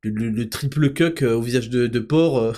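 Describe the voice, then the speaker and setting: A man hosting his own show, ranting crudely and mockingly, laughing often between outbursts and low mutters. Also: normal speed, warm tone. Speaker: host. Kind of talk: ranting monologue.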